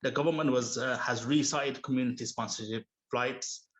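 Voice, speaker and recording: A man speaking for his mosque community, giving a measured, read-out speech at a civic assembly. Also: mid-range voice, fairly even intonation, fairly bright tone, low-quality recording. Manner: measured, read-out delivery with small restarts.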